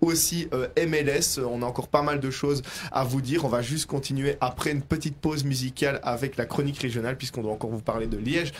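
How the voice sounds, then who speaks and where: A man hosts a live radio chat, pausing often on fillers as he reads listener messages. His voice sits at an ordinary middle pitch. A light background hiss runs under the recording. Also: fairly even intonation. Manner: hesitant, frequent fillers; reads listener comments aloud. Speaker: radio host.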